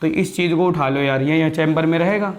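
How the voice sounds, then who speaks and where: A man's voice: a little high, fast. A male chemistry teacher lecturing in a voice that sits a little above the usual for a man. He fires questions at his class and answers them himself, calling his students "beta" as he walks them through each step. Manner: calls students "beta" and "bhaiya".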